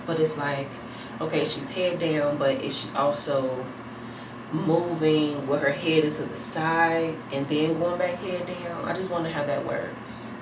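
A low-pitched, heavily pregnant woman in her thirties vlogs casually to camera from a small bathroom at home, thinking aloud in a relaxed, rambling way. The camera mic sits a few feet away, so the recording sounds echoey and distant, with an air conditioner humming.

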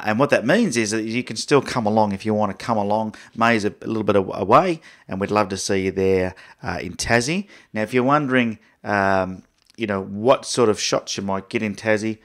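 A man's voice: lowish voice, a bit bright. A man with an Australian accent hosting a photography live stream, chatting casually and greeting viewers by name. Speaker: photography show host.

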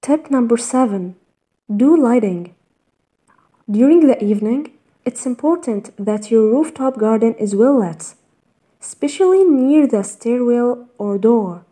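A woman reading a scripted voice-over in a measured, even list-reading way, narrating step-by-step tips. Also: a little high, breathy edge. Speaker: narrator of a garden design slideshow.

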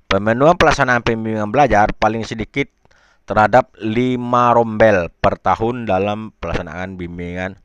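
A man's voice: fairly low pitch, clear, resonant tone, dry recording. A man, a teacher, reads a regulation clause by clause aloud and adds casual spoken asides to explain it.

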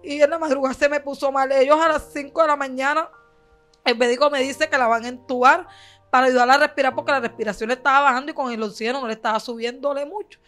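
A young woman with a Colombian Caribbean coast accent, a bereaved mother giving halting, emotional testimony to a reporter. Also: high voice, steady tone, fairly bright tone, soft background music. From Cartagena, Colombia. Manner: halting, emotional, stumbles and repeats herself.

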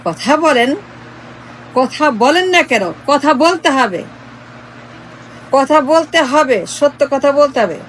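A woman's voice: high voice, expressive, slow pace, long pauses, a little hiss or hum, rough recording. A woman from Bangladesh giving an impassioned, sarcastic political monologue, repeating and chanting her phrases. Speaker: political commentator.

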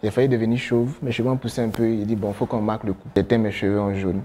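A young man with an Ivorian French accent, a gospel rapper answering interview questions in a relaxed way, often pausing with fillers. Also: fairly low pitch, slight background noise. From Côte d'Ivoire. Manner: relaxed, gestures a lot while talking, frequent fillers. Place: studio with branded backdrop, seated.

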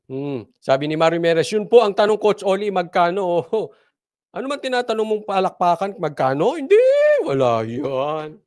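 A man's voice: high voice, sing-song, normal speed, darkish tone. A man hosting casual political commentary, mocking and laughing often and repeating his points for emphasis.

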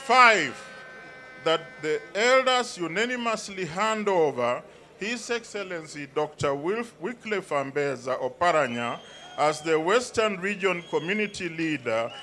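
An older man reads formal resolutions from a podium at an outdoor stadium rally. His voice sits high and bright, and he takes his time, stumbling over names now and then. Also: expressive, faint music behind. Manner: deliberate, halting reading. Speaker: elder reading resolutions. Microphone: podium microphones.

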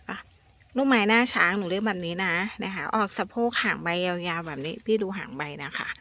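A woman giving a casual sales pitch to her viewers, chatty and coaxing, sweetly addressing them as elder siblings and repeating words playfully for emphasis. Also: fairly bright tone. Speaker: plant seller.

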